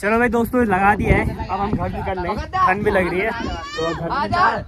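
A man with a high voice, joking and teasing loudly. He records out in village fields on a handheld camera, with a crowd of villagers chattering around him. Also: normal speed. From Uttarakhand, India. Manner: playful, teasing, loud bursts of excitement. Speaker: vlogger. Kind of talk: casual vlog chat. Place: outdoor village rice fields. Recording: outdoor field with crowd noise.

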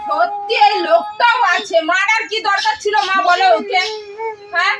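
A young aunt in a homemade comedy skit, played by a woman, with a very high voice. She coaxes and scolds by turns, repeating her urging again and again. Loud background noise sits under her voice. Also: fairly even intonation, moderate pace. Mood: coaxing. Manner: coaxing, scolding, repetitive urging. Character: coaxing young aunt and daughter-in-law.

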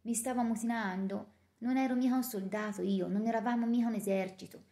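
A woman narrating a novel in the first person with a measured, expressive reading. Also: on the high side. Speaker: audiobook narrator. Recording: roomy echo.

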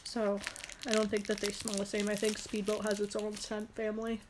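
Stuffy-nosed from a head cold, a young woman vlogging about beauty chats through a product haul in a small room, rambling with lots of fillers into a phone camera held close. She speaks a little fast in a mid-range voice with a completely flat delivery, against a noisy background.

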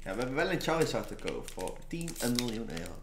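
A man's voice: medium pitch, big pitch swings, fast talker, a crowd in the background. A man chatting casually with slangy banter. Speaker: co-host chatting along. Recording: roomy echo, faint background noise.

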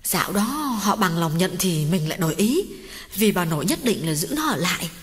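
A woman's voice: on the low side, lively intonation, fairly quick, natural voice. A woman voicing a frightened, grieving young mother in an audiobook ghost story, pleading and wailing. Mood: worried. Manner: wailing, pleading, breaking into sobs. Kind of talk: audiobook character reading. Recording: long hall reverb, music underneath.

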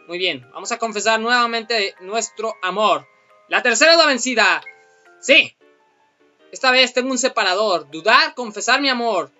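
A man commentating a video game, thinking aloud and bursting into excited outcries. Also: high voice, highs cut off. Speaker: gameplay commentator. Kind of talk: let's play commentary.

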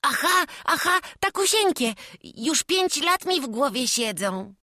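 A woman's voice: high-pitched, a little slow, no echo, clean studio sound, pitched above the performer's own voice, full character voice. A woman voicing a shy, stammering peasant boy who carves figures, in an audiobook. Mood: excited, shy. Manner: stammering, excited.

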